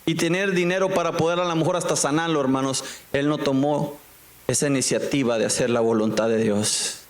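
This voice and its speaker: A man preaching a sermon in a church, often pausing with fillers and asking the congregation who says amen. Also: on the high side. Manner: repeats call-and-response "who says amen", many fillers. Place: church sanctuary. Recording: echoey church hall.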